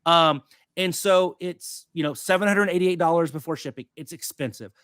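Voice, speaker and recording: A man's voice: fairly high pitch, normal speed, a bit bright, clean tone, dry recording, clean studio sound. A man co-hosting a podcast in casual chat, rambling with lots of fillers. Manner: rambling, enthusiastic, many fillers. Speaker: podcast co-host.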